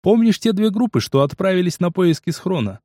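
A man's voice: high voice, lively intonation, a little fast, mellow, dry recording, clean studio sound, voice pushed up. A man reading the lines of a curt, irritable male mercenary hero in an audiobook. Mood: terse.

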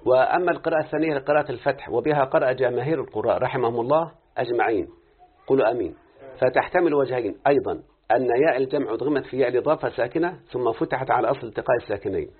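Fast-talking Egyptian man teaching grammar. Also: mid-range voice, slightly rough. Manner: quick explaining, checking understanding with questions. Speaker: teacher of Quranic readings and grammar. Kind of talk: live lesson with a student. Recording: tinny phone-like lo-fi recording.

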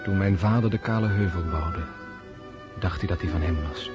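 An actor playing a melancholy prince and officer, speaking a grave, deliberate, introspective monologue in a radio drama. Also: male voice, low voice, dull audio, lightly acted. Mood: brooding, sorrowful. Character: melancholy Russian prince and officer brooding before battle. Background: orchestral string music.

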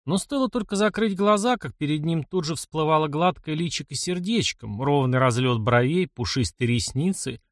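Male narrator, audiobook, lively intonation, dry close sound. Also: fairly high pitch, dry recording. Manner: expressive storytelling.

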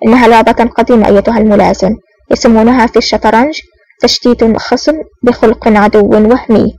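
A woman's voice: on the high side, fairly even intonation, quick pace, darkish tone, no room sound, low-quality recording. A woman voicing a cool, sardonic male intelligence officer in disguise in an audiobook, mocking and self-assured.

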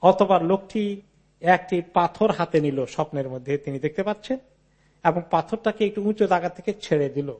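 A man giving an Islamic sermon, reading Arabic slowly and then explaining it in a casual, chatty way. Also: sits high, a little mellow. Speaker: Islamic preacher.

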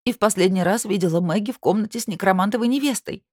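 A woman's voice: mid-range voice, quick pace, darkish tone, no echo, studio quality, pitched above the performer's own voice, close to an everyday voice. A woman voicing a frightened young woman in an audiobook, her voice breaking with sobs. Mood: tearful, shaken. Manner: sobbing, breaking voice. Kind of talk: audiobook character voice.

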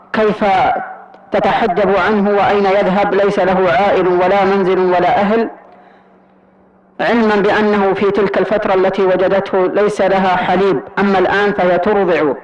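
A man reading a listener's question aloud to a scholar, haltingly, with restarts. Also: high-pitched. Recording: muffled lo-fi 1990s tape.

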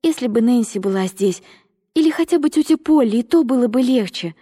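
A woman voicing a bubbly, high little girl. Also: lively intonation, normal speed, a little mellow. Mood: sad. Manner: bubbly, breathless enthusiasm. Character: cheerful eager little girl. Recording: long reverb.

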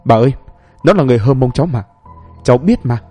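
Narrator doing a pleading young woman, husky undertone. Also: mid-range voice, lively intonation, fast, mellow, faint music behind. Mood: urgent. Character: anxious young woman interpreter.

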